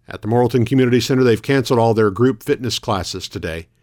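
A man hosting a local radio morning show, reading news announcements in a measured, orderly way from a studio. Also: mid-range voice, darkish tone. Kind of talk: radio news announcing of weather, closings and notices.

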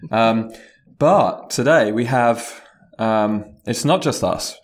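A British man co-hosting a podcast in casual chat, self-deprecating and quick to laugh, with a roomy echo from an echoey conference room. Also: medium pitch. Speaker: podcast co-host.

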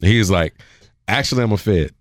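A podcast host with a fairly low, expressive voice talks fast, telling stories in a relaxed, joking way during a casual conversation. The recording is dry and studio quality.

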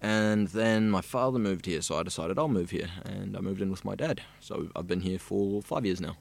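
A young adult man from South Africa, a radio student, chats easily and at length in a casual interview. His low, creaky voice moves at a moderate pace, and his manner is chatty, rambling and easygoing.

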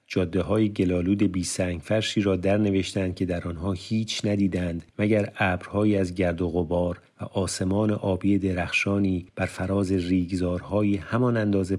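A male audiobook narrator with a very deep, low voice. He reads literary prose in a measured, formal way, with steady pacing.

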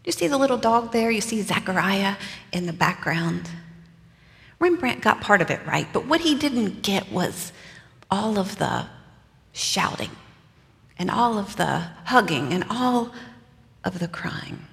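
A woman's voice: mid-range voice, big pitch swings, unhurried, creaky, long pauses, a bit bright, big-room sound, exaggerated voice. A woman preaching in the first person as Mary, a young mother telling her own story in an earnest, conversational way with casual asides, in a church. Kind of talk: first-person dramatic sermon monologue.

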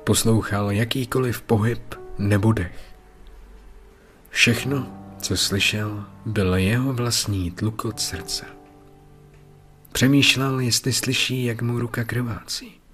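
A man narrating a horror story in a steady, measured way. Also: fairly low pitch, soft background music.

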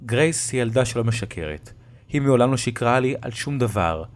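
A man narrating a scary first-person story at a mid pitch. He reads in a measured way and pauses for effect on the tense moments. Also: expressive.

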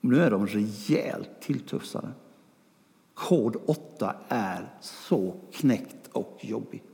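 A man preaching a sermon, retelling a story with lively questions and quiet asides. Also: lowish voice, creaky, big-room sound.

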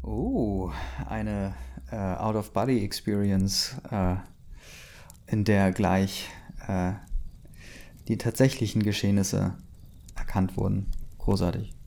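A man's voice: on the low side, fairly even intonation, takes it slowly, gravelly, dark tone. A man reading a story aloud, breaking off for dry, mocking asides. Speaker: reader of fan fiction.

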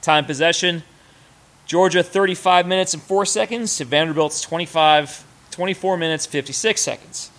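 A man's voice: fairly high pitch, fairly bright tone. A man hosting a sports fan show, ranting with sarcasm and profanity while he cooks. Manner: sarcastic, profane, fast rants. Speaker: host of a sports fan podcast. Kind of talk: casual ranting commentary while cooking.

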